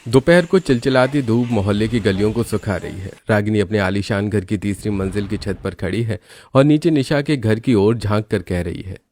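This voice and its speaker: A man narrating a cartoon story in a steady storytelling manner. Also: on the low side, normal speed, few pauses, slight background noise. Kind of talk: scripted narration.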